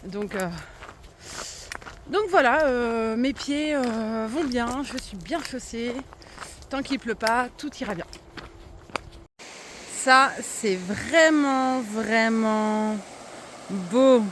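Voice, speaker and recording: A woman talking casually to her phone camera while walking a countryside trail, upbeat and full of filler pauses. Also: fairly high pitch, a little hiss or hum. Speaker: vlogger walking a pilgrimage.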